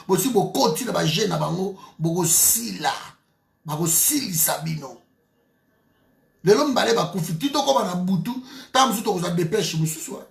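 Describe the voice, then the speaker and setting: High gravelly commentator, emphatic. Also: male voice, a bit bright, reverberant. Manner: emphatic, repeats phrases, stumbles and restarts. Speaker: political commentator. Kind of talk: heated political monologue.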